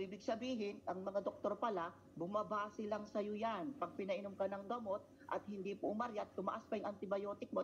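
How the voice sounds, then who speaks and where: A man's voice: fairly high pitch, highs cut off, a little hiss or hum. A man from the Philippines leading a product training seminar, asking listeners rhetorical tag questions and drilling points through repeated chant-like phrases.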